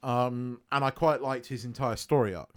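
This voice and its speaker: A man co-hosting a casual film chat, animated and swearing freely, laughing often. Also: mid-range voice, moderate pace. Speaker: podcast co-host.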